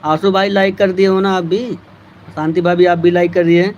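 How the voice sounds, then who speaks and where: A man with a fairly high voice chats casually on a live stream. He teases his viewers and thanks them by name. The phone audio sounds dull and lo-fi, with faint vehicle noise in the background. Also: flat delivery, moderate pace.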